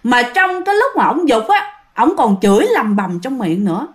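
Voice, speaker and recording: A woman's voice: on the high side, big pitch swings, normal speed. A woman with a Southern Vietnamese accent casually telling a ghost story and talking to her listeners. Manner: chatty, addresses listeners directly.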